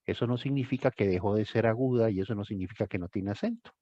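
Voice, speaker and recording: A man's voice: fairly low pitch, fast talker, dark tone, no room sound, lo-fi sound. An older man tutoring a student one on one, emphatic and repeating phrases for stress. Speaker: thesis tutor.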